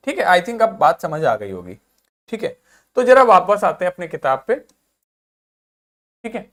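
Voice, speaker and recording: A man teaching a video lesson, who repeats himself, checks in with the viewer often and sounds words out slowly. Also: sits high. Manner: repetitive, keeps checking in with the viewer. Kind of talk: classroom-style video lesson.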